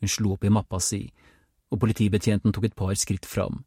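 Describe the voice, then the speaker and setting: Guy reading an audiobook, low husky voice, calm and measured, super dry close mic. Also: dry recording. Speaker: audiobook narrator. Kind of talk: scripted narration.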